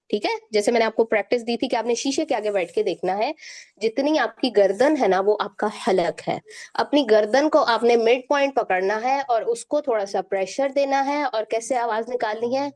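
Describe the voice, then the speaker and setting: Woman recitation teacher, slightly high voice, slow and patient, stretches the sounds she demonstrates. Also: darkish tone. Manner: patient, drawn-out example sounds, frequent "theek hai". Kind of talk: tajweed lesson.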